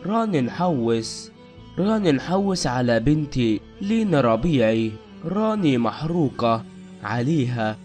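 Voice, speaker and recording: A man's voice: mid-range voice, expressive, measured pace, pauses often, darkish tone, soft background music. A man delivering scripted news narration as a video narrator in Arabic.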